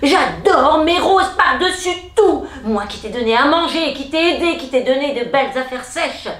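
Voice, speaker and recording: A woman's voice: sits high, animated, moderate pace, a bit bright, pitched above the performer's own voice. A woman voicing a furious monstrous male beast in a told fairy tale, roaring and menacing, in an echoey room. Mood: threatening.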